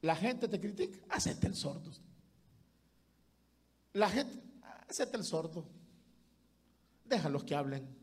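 A man preaching a sermon as pastor, impassioned, swinging between loud calls and hushed asides. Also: on the high side, sing-song, slow, pauses often, breathy edge.

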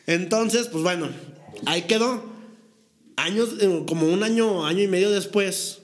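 A man's voice: high-pitched, measured pace. A Mexican man in his thirties telling a long story in slangy, swearing casual chat with friends.

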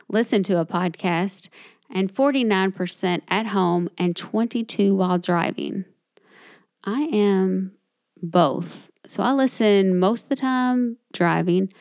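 A woman's voice: mid-range voice, darkish tone, no room sound, clean studio sound. A woman hosting her own podcast, talking alone in a chatty, upbeat and self-deprecating way. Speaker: podcast host. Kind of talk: solo podcast monologue.

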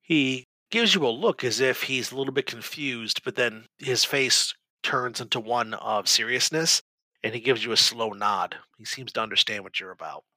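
A man narrating a tabletop game as game master, in steady, descriptive storytelling. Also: medium pitch, moderate pace, dry recording, poor audio.

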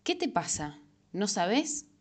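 A woman's voice: mid-range voice, takes it slowly. Chatty Rioplatense woman giving advice. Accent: Rioplatense Spanish. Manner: chatty, animated, frequent fillers and self-corrections. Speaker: self-help vlogger. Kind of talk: casual advice monologue.

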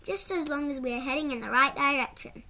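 A woman's voice: sits high, fairly quick, pushed and bright. A woman voicing a cheerful grown man out hiking in a storybook, friendly and hearty.

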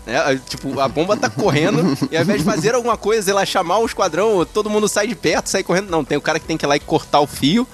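A man co-hosting a casual podcast chat, animated and quick to exclaim. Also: sits high, music in the background. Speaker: podcast co-host.

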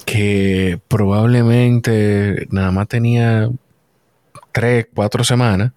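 A man in his thirties, a guest in a casual chat, talking in a halting, emotional way and repeating himself. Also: lowish voice, steady tone, a little mellow, clean tone, no room sound.

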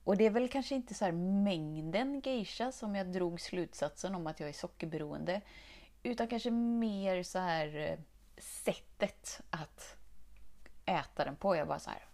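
A woman's voice: lowish voice, lively intonation, a little mellow. A woman with a Swedish accent hosting a casual solo podcast, talking animatedly, laughing often and acting out her own thoughts. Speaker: podcast host.

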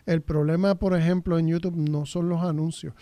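A man's voice: fairly high pitch, flat delivery, normal speed, dark tone, no room sound. A man in a casual chat, rambling and mixing in English words.

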